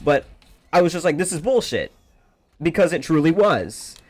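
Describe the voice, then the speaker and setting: A man's voice: on the high side, big pitch swings, moderate pace, a little mellow. A man streaming games while telling a long, profane story in a sarcastic, rambling way. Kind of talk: casual rant over gameplay.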